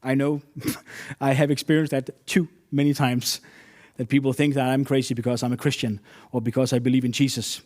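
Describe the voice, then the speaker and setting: A man's voice: medium pitch, level tone, fairly quick, a little mellow. Earnest man preaching a sermon. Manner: earnest, storytelling with non-native English phrasing.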